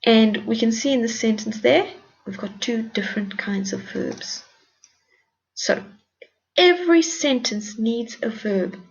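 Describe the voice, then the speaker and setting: A woman's voice: a little high, unhurried, gravelly. A woman teacher giving a recorded grammar lesson, explaining patiently step by step and encouraging her students. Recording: dull lo-fi recording.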